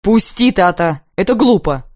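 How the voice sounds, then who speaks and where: A woman's voice: medium pitch, animated, normal speed, a little mellow, no room sound, studio quality, lightly acted. Woman playing a sulky grumbly young guy, irritated, short with everyone. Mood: grumbling, irritated. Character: grumbling sulky young man posing as a model.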